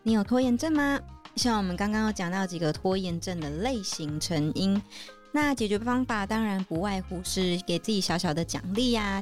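A woman with a Taiwanese Mandarin accent, chatting casually as a podcast host. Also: medium pitch. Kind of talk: casual chat.

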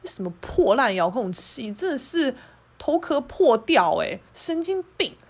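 A woman's voice: high voice, very animated, a little slow, husky. A woman with a Taiwanese Mandarin accent hosting a podcast, telling a story in a heated, profane, sarcastic rant. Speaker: podcast host.

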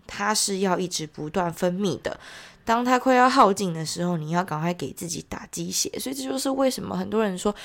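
A woman's voice: lowish voice, creaky. A woman with a Taiwanese accent and a nasal, congested voice from a heavy cold, chatting casually as the host of a solo audio diary. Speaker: podcast host, entrepreneur.

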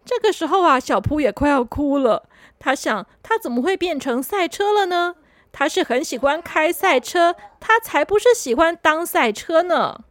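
A woman narrating a children's story in an animated, expressive way. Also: sits high, normal speed, dry recording.

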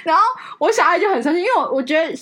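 Lady chatting on a podcast, talks super fast, lots of laughs. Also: extremely high pitch. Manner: animated storytelling, laughing while quoting curses. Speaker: podcast co-host. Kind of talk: casual chat.

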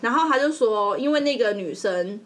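A woman with a Taiwanese Mandarin accent, co-hosting a podcast and telling a story in a casual, animated way, laughing as she goes. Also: a little high, normal speed. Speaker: podcast co-host.

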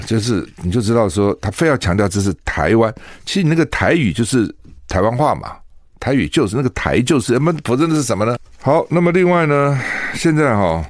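A man's voice: fairly low pitch, no echo, studio quality. A man from Taiwan hosting a radio talk show, giving solo news commentary in a chatty way, often asking his listeners rhetorical questions. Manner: chatty, asks rhetorical questions, laughs at own stories.

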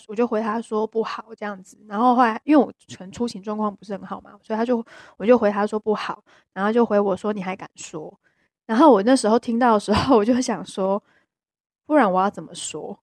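A woman with a Taiwanese Mandarin accent, co-hosting a podcast in casual chat, talking hesitantly with many restarts and a soft voice that trails off. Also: medium pitch, no echo, clean studio sound. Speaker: podcast co-host.

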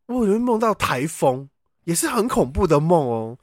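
A man's voice: a little high, big pitch swings, normal speed, no echo, clean studio sound. A man, hosting a casual podcast and animatedly telling a dream story, acting out sounds as he goes. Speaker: podcast host.

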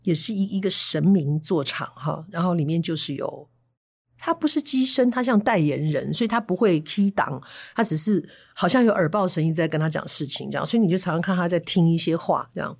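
Lively woman storyteller. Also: on the low side, brisk, vocal fry. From Taiwan. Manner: chatty, animated storytelling with Hokkien asides. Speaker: podcast host. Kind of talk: storytelling podcast.

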